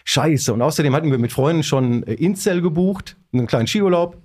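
A middle-aged man, a musician guest, telling lively anecdotes and acting out quotes. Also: a little high, fast talker. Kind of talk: casual storytelling.

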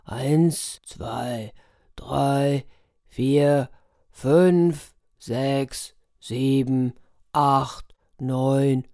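A woman's voice: rumbling low, steady tone, drawn-out words, mellow, no echo, clean studio sound, full character voice. A woman voicing a self-assured, mocking male elephant in a storybook reading. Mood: scoffing. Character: scoffing big male elephant.

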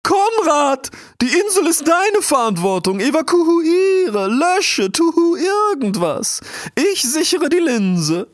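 A man voicing a frantic female owl scholar, with a shrieking, very high voice and drawn-out commands. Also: sing-song, no echo, clean studio sound, heavily acted.

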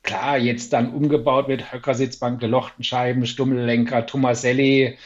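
A man's voice: medium pitch, level tone, moderate pace. Chatty older man, muffled sound. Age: 60s. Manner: chatty, chuckling, self-deprecating storyteller. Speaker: podcast guest, mental coach. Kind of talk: casual podcast interview. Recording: dull lo-fi sound.

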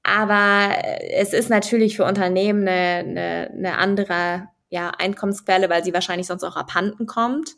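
A woman's voice: mid-range voice, steady tone, moderate pace, vocal fry, hardly any pauses, fairly bright tone. A young woman speaking as an interview guest on finance, explaining thoughtfully with many fillers and restarts. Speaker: guest, finance and crypto expert. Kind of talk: conversational podcast interview.

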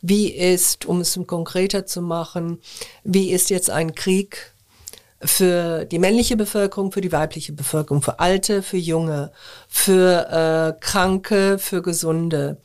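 Measured, thoughtful older woman. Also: lowish voice, steady tone, a little mellow. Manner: measured and thoughtful, with frequent hesitation fillers. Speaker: interview guest, former journalist. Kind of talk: reflective interview answers.

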